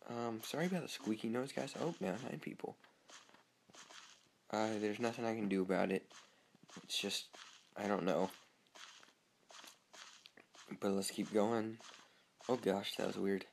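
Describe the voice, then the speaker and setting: A man's voice: lowish voice, normal speed, gravelly, pauses often, a little hiss or hum. A young man giving casual, chatty commentary over his own gameplay, talking to himself and easily startled. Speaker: gamer.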